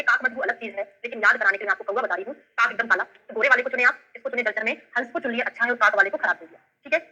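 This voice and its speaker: Through a muffled recording, a fairly high, sharp-toned female voice comes across. She is an Ayurveda tutor with a Bundelkhandi Hindi accent, teaching an online lesson with memory tricks, going step by step and checking in with students.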